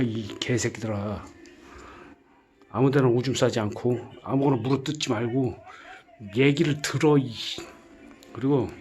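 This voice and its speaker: Exasperated man, gruff scolding monologue, repeats commands, faint music under. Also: medium pitch. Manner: repetitive commands, sighing. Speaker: vlogger caring for puppies.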